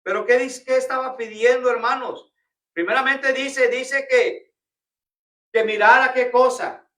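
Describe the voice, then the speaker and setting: A man leads a Bible study in a church, constantly putting questions to the room and addressing everyone as brothers. His voice is very high and bright. It comes across from some way off, with a roomy echo. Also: steady tone, unhurried. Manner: questioning the congregation often, repeating "hermanos". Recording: roomy church hall, picked up from a distance.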